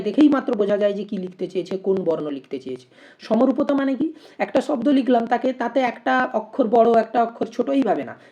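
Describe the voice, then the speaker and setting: Lively, mellow-voiced woman teacher. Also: a little high. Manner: reads out questions and options, then explains step by step with rhetorical questions. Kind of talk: exam-prep lesson going through multiple-choice questions.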